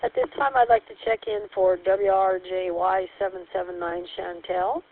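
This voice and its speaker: Give me a woman running a radio net over walkie-talkie, friendly and a bit hesitant, with a low gravelly voice. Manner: friendly, measured, with hesitant fillers. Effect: heard over a two-way radio. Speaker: net control host. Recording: tinny two-way radio with faint static.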